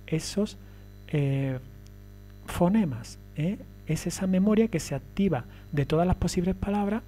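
A man's voice: on the high side, mellow. A man giving a recorded lecture, explaining step by step and often checking that listeners follow.

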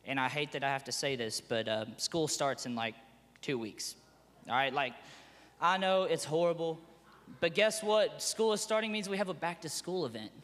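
A man's voice: fairly high pitch, normal speed. Guy doing church announcements, chatty and pumped up, lots of hall echo. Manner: upbeat, excitable, chatty. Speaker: church pastor. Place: church sanctuary.

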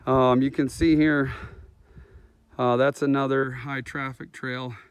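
A video host walks and narrates without a script atop a windy, rocky mountain, recording on a handheld phone. His mid-range voice is flat, slow and clean in tone, with no room sound, while very loud wind hits the phone microphone.

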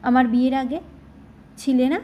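A woman's voice: high voice, fairly even intonation, moderate pace, dull audio. A woman reading the lines of a young male schoolteacher in a plain, questioning way, in an audio story. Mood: earnest.

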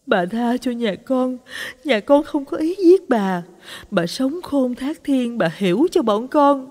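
A woman's voice: fairly high pitch, big pitch swings, unhurried, big-room sound, pitched above the performer's own voice. A woman voicing a frightened village wife who speaks in a trembling, pleading voice. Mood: terrified.

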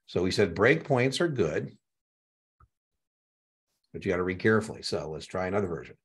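A man's voice: deep voice, animated, moderate pace, slightly rough. A middle-aged man tutoring a student for an exam in a chatty way, repeating key points and telling anecdotes. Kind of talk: one-on-one tutoring session.

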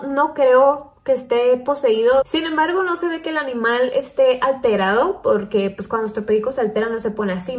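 Chatty young woman vlogger, higher voice. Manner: chatty, thinking aloud with many fillers. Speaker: paranormal stories vlogger. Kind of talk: casual commentary to viewers.

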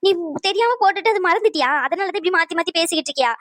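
A woman voicing a sharp-tongued, impatient young wife in a cartoon, snapping and accusing. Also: very high-pitched, expressive, very fast, no echo, clean studio sound. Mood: angry. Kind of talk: cartoon voice acting.

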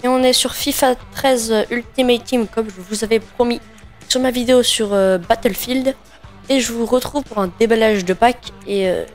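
A man's voice: extremely high pitch, steady tone, normal speed, faint music behind. A man giving casual gaming commentary while opening packs, hesitant and full of fillers and restarts. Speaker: gaming video creator.

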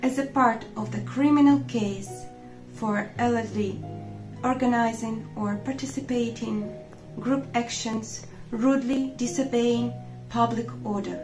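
A woman's voice: fairly high pitch, a little slow. A twenty-year-old woman student giving an earnest testimony over music. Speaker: student activist. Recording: echoey room from a distance, music underneath.

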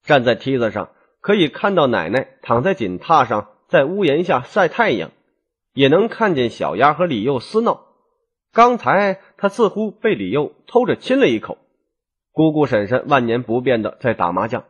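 A man narrates a long serialized novel in a traditional storytelling style. His voice is husky and moves up and down in a lively way. He keeps the delivery expressive. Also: mid-range voice, moderate pace, lo-fi sound. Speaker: audiobook narrator.

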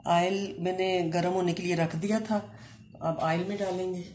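A woman hosting a home cooking channel, calmly explaining each step of a recipe with short pauses. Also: lowish voice. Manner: calm, step-by-step explaining with Urdu-flavoured words and short pauses. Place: home kitchen, echoey room. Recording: echoey room with faint ambient noise.

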